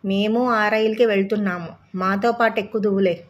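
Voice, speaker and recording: A woman's voice: medium pitch, steady tone, normal speed, natural voice. A woman voicing an irritated middle-aged male traveler who speaks in curt, stern lines.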